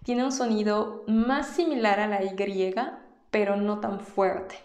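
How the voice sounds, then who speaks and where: A woman from Mexico with a Mexican Spanish accent, explaining in a casual vlog and demonstrating sounds slowly and patiently. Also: medium pitch, steady tone, darkish tone. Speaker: language vlogger. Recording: roomy echo.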